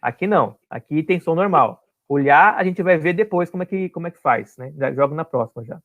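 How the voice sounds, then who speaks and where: A man's voice: fairly high pitch, animated, a little fast, narrow, tinny audio. A man teaching an online class, explaining step by step and often checking that his students follow.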